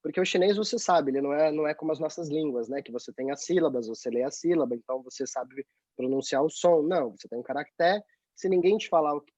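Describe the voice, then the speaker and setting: A man with a Brazilian Portuguese accent, a journalist living abroad, appears as a guest in a video-call interview. His voice is fairly high and quick, and he's chatty and animated, using tag questions, over dry, dull, lo-fi call audio.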